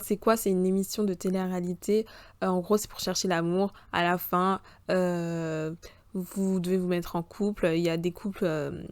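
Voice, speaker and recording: A woman's voice: mid-range voice, no echo. A woman in her twenties from the Republic of the Congo and the Central African Republic, hosting a casual solo podcast in a chatty, slangy way. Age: 20s. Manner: chatty, slangy, swearing on her mother, switching into voices. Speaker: podcast host.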